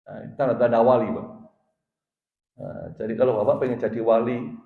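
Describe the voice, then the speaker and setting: A male preacher giving an animated mosque sermon, rising to loud emphatic peaks and asking his listeners questions directly. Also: mid-range voice, fairly quick, creaky. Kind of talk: mosque sermon after dawn prayer. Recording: roomy, dull mosque PA recording.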